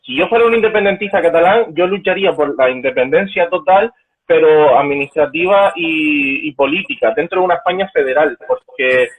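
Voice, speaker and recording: A man's voice: fairly high pitch, a little fast, husky. A man, calling in as a guest, talking politics earnestly and building points with examples over a crackly, choppy phone line. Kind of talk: political discussion.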